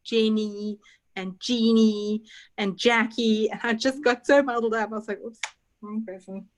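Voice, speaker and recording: A woman's voice: on the high side, fairly even intonation, a little slow, rough recording. A young woman teaching an online baking class, chatting casually and a bit scattered, with lots of "like". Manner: chatty, scattered, says "like" often. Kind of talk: casual chat while teaching a video-call class. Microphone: computer mic on a video call.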